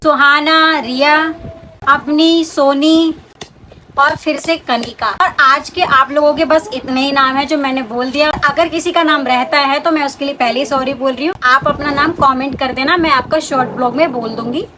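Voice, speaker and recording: A woman's voice: high voice, steady tone, normal speed, background noise. A talkative young woman vlogger, pregnant, chatting casually as she answers her viewers' questions. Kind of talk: casual chat.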